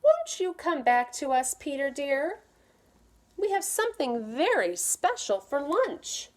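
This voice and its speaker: A woman reading the part of a picture-book mother, gently chiding and affectionate, with a soft coaxing manner. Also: sits high, sing-song, takes it slowly, pitched above the performer's own voice, heavily acted.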